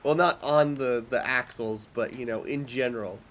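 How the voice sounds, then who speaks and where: A man's voice: mid-range voice, normal speed, fairly bright tone, slight background noise. Giggly easygoing guy co-streaming. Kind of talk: casual gaming stream chat.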